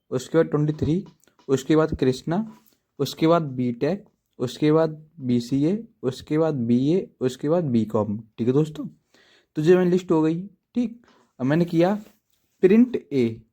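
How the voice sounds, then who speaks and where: A man with a mellow voice on the high side teaches programming casually from home, writing in a notebook. His tutorial is chatty, often checking in with viewers, making self-deprecating asides, and frequently repeating "ठीक है दोस्तों".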